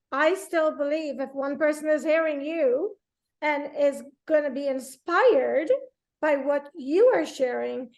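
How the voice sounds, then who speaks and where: A woman hosting an interview, speaking earnestly in long flowing runs. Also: high voice. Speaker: podcast host.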